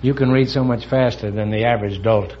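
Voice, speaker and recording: Male quiz host, teasing, quick with quips; lo-fi vintage broadcast, hissy. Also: mid-range voice, fairly even intonation. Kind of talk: wisecracking interview banter. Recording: dull old broadcast with hiss, audience.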